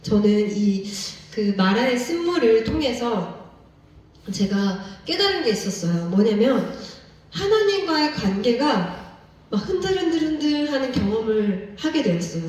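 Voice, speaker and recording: A woman's voice: a little high, lively intonation, unhurried, darkish tone. A woman preacher giving a sermon, earnestly pleading and asking the congregation one question after another. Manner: asks the congregation many questions. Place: church sanctuary. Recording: echoey church from far off.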